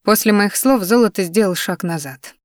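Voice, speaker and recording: A woman narrating a first-person story in an even, measured audiobook reading. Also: medium pitch, no echo, studio quality.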